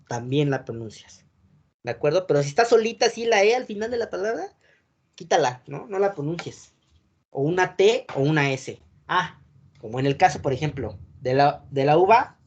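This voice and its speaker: Mexican man teaching a class, lo-fi. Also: high voice. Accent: Mexican Spanish. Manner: explanatory, keeps checking in with the class. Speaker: wine course teacher. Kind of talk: classroom lecture.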